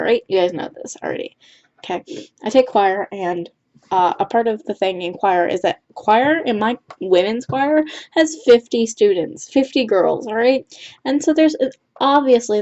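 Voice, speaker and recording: A teenage gaming YouTuber with a medium-pitched, darkish voice tells a story over gameplay, rambling casually. She fills it with fillers and keeps restarting, leaning on "like" and "right?". Her home mic sounds dull and lo-fi.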